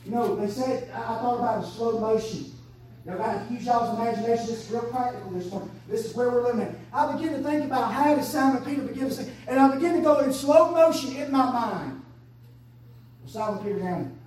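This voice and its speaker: A woman, preaching an impassioned sermon that swings between hushed and shouted. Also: a little high, brisk, slight background noise. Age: 30s. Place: church sanctuary. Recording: echoey church from far off.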